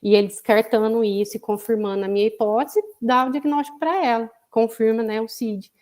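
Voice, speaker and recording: A woman psychologist with a Brazilian accent talks fairly quickly as a guest speaker on an online live broadcast, her voice a little high, darkish, and steady in tone. Her lecture is conversational and patiently explanatory, peppered with "né?" tags.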